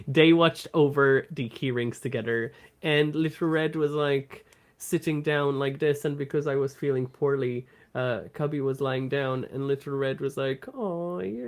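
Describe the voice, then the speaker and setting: A co-host and convention artist, gushing fondly and telling stories in casual podcast chat. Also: medium pitch. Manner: slow, warm-hearted, gushing storyteller.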